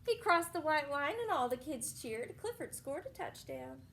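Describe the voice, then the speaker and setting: Using a high-pitched, fairly bright voice with huge swings in pitch, a teacher reads a picture book to small children. She explains things in simple terms and stops for questions and asides, with slight background noise present.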